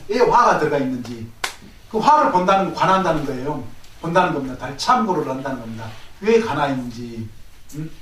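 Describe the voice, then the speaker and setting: A man's voice: on the high side, a little hiss or hum. A man giving a classroom lecture at a Buddhist college, often asking the class rhetorical questions. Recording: echoey room, mic at a distance.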